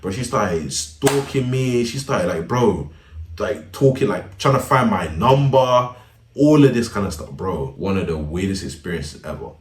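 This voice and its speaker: A man's voice: lowish voice, lively intonation, measured pace, far from the mic. A young man, telling a story in a laid-back, slangy way and laughing often. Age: young adult. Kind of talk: casual storytime narration. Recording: roomy, a bit off-mic.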